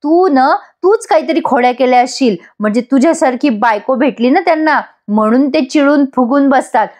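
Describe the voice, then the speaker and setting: A woman's voice: sits high, normal speed, a little mellow, pitched above the performer's own voice, close to an everyday voice. A woman voicing a fussing mother who dotes on her son-in-law and scolds her daughter. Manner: scolding, nagging, rustic turns of phrase.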